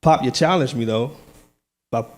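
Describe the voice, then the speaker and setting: A man speaks in a church testimony, casual and earnest, laughing now and then. His voice sits at a middle pitch, and he grows firm and declarative as he talks. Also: moderate pace, a little mellow. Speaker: lay speaker giving testimony. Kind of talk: church testimony and short sermon.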